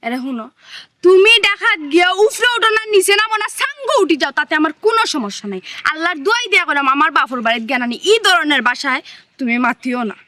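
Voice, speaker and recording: A stubborn young Sylheti wife, played by a woman, scolding her husband in a comic regional drama. Her voice is very high, bright and quick. The sound is dry and close. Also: expressive, no room sound. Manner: scolding, nagging, rapid-fire.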